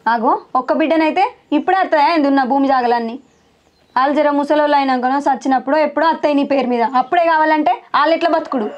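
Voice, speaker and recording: A woman's voice: high voice, quick pace, highs cut off, lightly acted. A young woman with a Telangana Telugu accent, playing a village wife who argues back against dowry demands. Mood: arguing. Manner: argumentative, retorting. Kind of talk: village comedy sketch acting.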